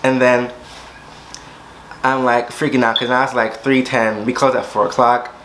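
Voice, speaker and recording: A young man spins a storytime tale for his vlog, throwing himself into every quoted line and leaping into sudden high squeals. His voice sits at an ordinary middle pitch. A faint hiss lies under the recording. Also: little pitch movement, normal speed, fairly bright tone, rough recording. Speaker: vlogger.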